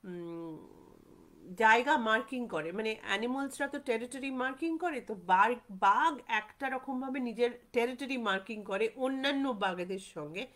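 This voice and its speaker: A woman telling a jungle ghost story in a loose, unscripted way, slipping English phrases into her talk and pausing often to find her words. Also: fairly high pitch, lively intonation, fairly bright tone. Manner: unscripted, mixes in English phrases, many fillers and repetitions. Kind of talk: casual spoken storytelling.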